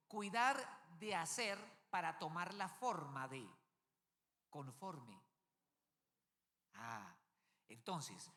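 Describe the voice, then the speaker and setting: A pastor preaches a sermon emphatically, repeating key words and checking in with the congregation. His voice is high, bright and forceful, and the recording carries the long reverb of a large hall.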